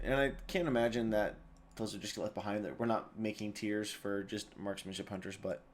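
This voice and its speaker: A tired man talks through a casual video commentary. He rambles and keeps doubling back, with lots of fillers and restarted sentences. His pitch sits in an ordinary middle range for a man. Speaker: video host.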